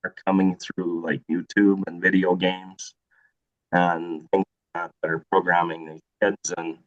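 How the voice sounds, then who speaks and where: A man's voice: deep voice, little pitch movement, unhurried, faint music behind. A man calling in with a hesitant question, full of ums and likes, his voice coming through a call signal that keeps breaking up. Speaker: caller. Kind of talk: casual question to a guest. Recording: muffled lo-fi call line.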